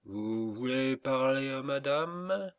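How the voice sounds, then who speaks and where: Un homme qui fait parler un valet de pied hautain et sec dans un livre audio. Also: male voice, a little high, slow, dry recording, muffled recording, pitched above the performer's own voice. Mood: haughty. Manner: haughty, curt. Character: haughty male footman in livery.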